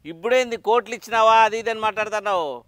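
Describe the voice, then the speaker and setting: A man's voice: high-pitched, quick pace, bright, forceful tone, clear, resonant tone, no echo. A man acting in a village comedy skit, scolding a borrower and demanding his money back. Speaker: lender, lead of comedy skit.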